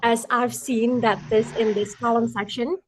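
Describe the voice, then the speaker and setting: A woman's voice: fairly high pitch, little pitch movement, moderate pace, a little hiss or hum. Upbeat young woman moderating online. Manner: upbeat, chatty, many "like" fillers. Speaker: workshop moderator. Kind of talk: live online event hosting. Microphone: video call.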